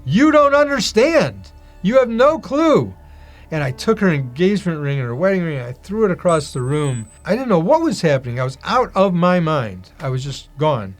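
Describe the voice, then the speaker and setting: A middle-aged man giving a personal testimony in an animated storytelling manner, acting out the dialogue he recalls. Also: on the high side, fairly quick, few pauses, soft background music. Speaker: testimony speaker.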